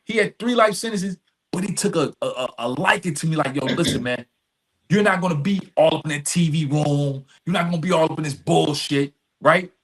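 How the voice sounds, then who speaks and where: Talking fairly quickly in a higher-pitched voice, the man opens up about his life as a podcast guest. It's a long, frank conversation full of emphasis, street slang, and phrases he keeps coming back to.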